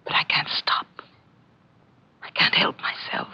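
A woman's voice: unhurried, sharp tone. An actress voicing a guilt-ridden woman novelist confessing her murders in a tense, breathless 1940s radio drama, with whispered asides, on a lo-fi old broadcast. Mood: resigned.

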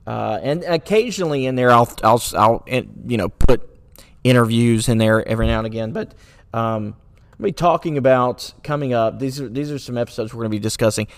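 A man's voice: medium pitch, a little fast, vocal fry. Earnest man hosting a solo podcast. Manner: earnest, rhetorical questions, frequent fillers and restarts; sarcastic at times. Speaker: podcast host.

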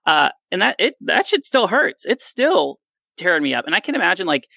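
A man's voice: high voice, very animated, fairly quick, creaky, pushed and bright, no echo. A man in his thirties, rambling and self-deprecating as a co-host in a casual fantasy baseball chat. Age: 30s. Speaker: podcast co-host.

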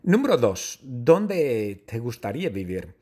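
A man giving a slow lesson, answering his own numbered questions and repeating phrases plainly. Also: mid-range voice, sing-song, mellow, breathy edge. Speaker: language teacher. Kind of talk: slow Spanish lesson monologue.

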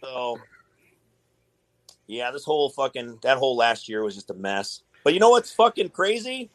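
A man's voice: mid-range voice, expressive, brisk, a bit bright, dry recording. A man in a casual podcast chat, talking in a laid-back, rambling way with lots of swearing. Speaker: guest, tattoo artist.

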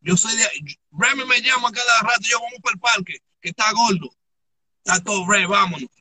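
A man from the New area, interviewing in a casual chat and mixing Spanish with English slang in an animated way. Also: high-pitched, moderate pace, slightly rough. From New York area. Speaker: interviewer, rapper.

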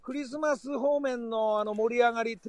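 A man hosting a radio show, calling in live from outdoors at night, loud and excitable, rambling with plenty of fillers and sounding sleepy. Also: extremely high pitch, normal speed, crowd noise. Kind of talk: casual chat on a live phone link. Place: outdoors on a city street at night.

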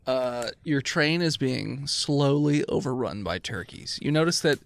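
A man's voice: mid-range voice, animated, measured pace, creaky, no room sound. A man narrating as game master in a playful, improvised comedic tabletop game. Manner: playful, laughs between lines.

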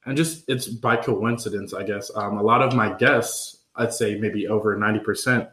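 A man's voice: lowish voice, fairly even intonation, normal speed, pushed and bright. A man in his twenties hosting a podcast, talking in a laid-back, joking way with trailing fillers. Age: 20s. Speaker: podcast host. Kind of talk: casual podcast chat. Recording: roomy echo.

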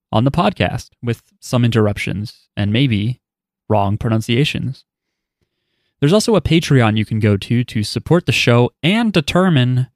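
In a medium-pitched voice, a man hosting a podcast works through listener mail conversationally, dropping wry little asides along the way. The recording is dry and studio quality.

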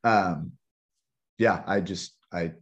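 A man co-hosting a podcast, chatting casually about sports in a rambling, halting way full of restarts. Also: low-pitched. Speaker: podcast co-host.

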